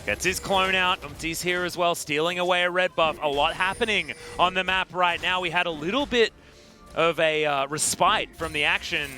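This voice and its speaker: Casting: Australian man, esports play-by-play caster, bright excitable calls, fairly high voice, music under. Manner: excitable, jokey, fast bursts of rising calls. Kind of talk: play-by-play commentary.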